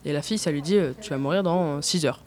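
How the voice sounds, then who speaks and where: A woman's voice: deep voice, fast, darkish tone. A woman chatting casually as an interview guest, hesitant, with many fillers and restarts. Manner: tacks on "and so on" often. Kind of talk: casual chat.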